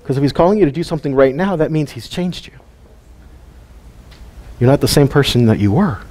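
A man's voice: medium pitch, animated, brisk, a little mellow. A man giving a casual sermon teaching, retelling Bible stories in a folksy, plain-spoken way.

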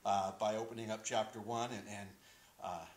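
A middle-aged man preaching a sermon from a church podium, relaxed and joking, with frequent "uh" fillers. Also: on the low side, moderate pace. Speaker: pastor. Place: small wood-paneled church sanctuary, indoors. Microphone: podium microphone. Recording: roomy church echo.

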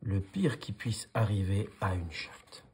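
Moqueuse chatte blanche, lue par un homme. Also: male voice, sits low, slow pace, a little mellow, breathy edge, exaggerated voice. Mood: mocking. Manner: mocking, dismissive.

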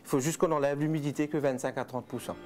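A man guiding visitors through tea fields and a factory, explaining in halting sentences full of fillers. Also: a little high, fairly even intonation, music in the background. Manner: halting, with frequent fillers and restarts. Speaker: tea estate guide. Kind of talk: explanatory interview answers.

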